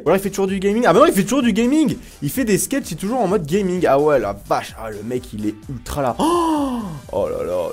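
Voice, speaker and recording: Excitable young man reacting, slangy. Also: fairly high pitch. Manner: excitable, exclamatory, heavy slang. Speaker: YouTuber. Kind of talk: casual reaction commentary.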